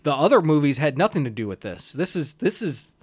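A man co-hosting a casual movie podcast, animatedly retelling scenes and agreeing quickly. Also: on the high side, very animated, a little mellow, breathy edge, dry recording. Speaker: podcast co-host. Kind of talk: casual movie-review chat.

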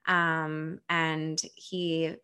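Woman, lowish voice, earnest and encouraging, says like a lot. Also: flat delivery, very slow, sharp tone, smooth. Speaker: guest, wife of a hockey player. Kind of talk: conversational interview.

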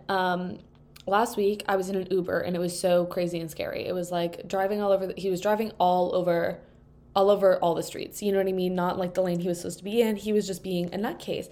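Indoors at a table, a young woman records her casual solo podcast on a propped-up mic, chatting and rambling with lots of fillers while stuffed up from allergies. She speaks fairly quickly, her low, darkish voice keeping fairly even intonation.

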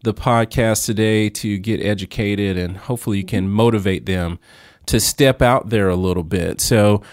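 A man's voice: lowish voice, normal speed, no echo, studio quality. A male podcast host who welcomes his guest and asks questions, answering her with brief affirmations. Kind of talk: interview hosting.

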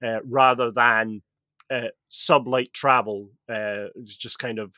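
A man's voice: mid-range voice, steady tone, takes it slowly, bright, forceful tone, no room sound. Rambling male podcast host, dry sound. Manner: rambling, with frequent fillers and restarts. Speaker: podcast host explaining lore. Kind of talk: casual chat.

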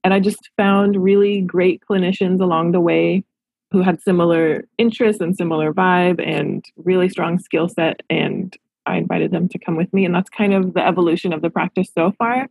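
A woman's voice: fairly low pitch, fairly even intonation, normal speed, vocal fry, darkish tone, slightly rough, no echo, low-quality recording. A woman in her thirties from Los Angeles, a therapist answering interview questions in a reflective, earnest way. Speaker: therapist and practice owner.

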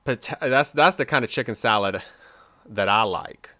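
Man, podcast co-host, bright forceful voice, animated and opinionated. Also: lowish voice, moderate pace, dry recording, clean studio sound. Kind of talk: casual chat. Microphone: remote video call.

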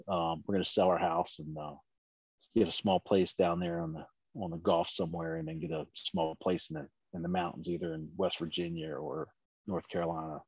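Middle-aged male competition shooter, very low voice, rambling casual chat, dry close sound. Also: a little mellow, breathy edge, no room sound, low-quality recording. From Maryland. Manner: rambling, many fillers.

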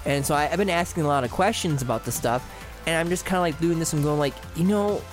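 A man's voice: on the high side, fast talker, soft background music. A man chatting casually with friends, explaining things as an eager fan in slangy, frat-bro talk full of filler words.

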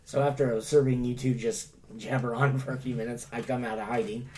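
Casual mid-pitched man in a tabletop game. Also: fairly even intonation, a little fast, a little mellow.

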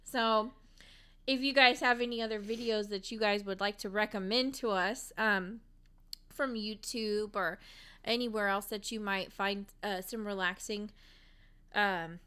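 Podcast co-host, woman, bright crisp voice, lively chatty delivery. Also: medium pitch, a little slow. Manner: animated storytelling with laughter. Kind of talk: casual chat. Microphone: studio mic.

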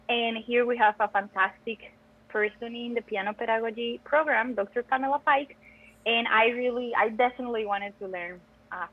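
Her voice sits on the high side and sounds husky, captured in narrow, tinny audio. A young woman from Costa Rica with a Costa Rican Spanish accent, Spanish being her native language, she's a music education doctoral student talking chattily and emphatically as an interview guest on a podcast.

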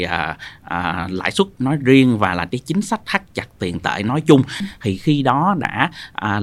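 A man with a southern Vietnamese accent giving unscripted expert commentary as a guest, often pausing on filler sounds. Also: fairly low pitch. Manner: halting, frequent filled pauses.

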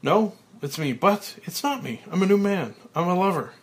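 A man voicing a panicked man who thinks he is being buried alive, yelling and frantic. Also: fairly high pitch, lively intonation, normal speed. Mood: giddy.

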